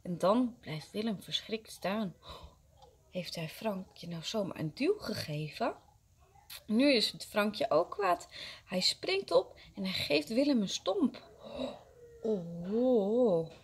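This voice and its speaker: Woman, kindergarten teacher, reading a story aloud, lively pitch, slow unhurried pace. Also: creaky, breathy edge.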